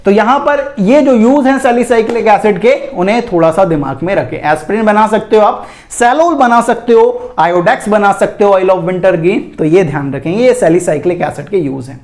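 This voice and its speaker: A man's voice: high voice, animated, normal speed, hardly any pauses, darkish tone. Chatty male chemistry teacher. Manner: chatty, addresses students as "beta" and "bhai"; keeps repeating "theek hai" and "ye dhyan rakhen". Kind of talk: exam-prep lecture.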